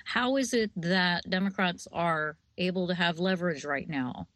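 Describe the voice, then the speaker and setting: A woman anchoring a radio news bulletin, reading in a steady, measured way and questioning correspondents. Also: on the low side, no room sound. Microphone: studio mic.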